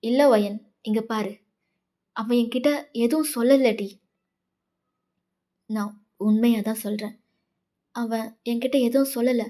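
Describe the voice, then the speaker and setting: An earnest young man, played by a woman, who insists and reassures with urgency. The voice sits a bit high and warm. It is a fan fiction voice-over. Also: fairly even intonation, unhurried, long pauses, natural voice. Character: worried young man comforting a friend.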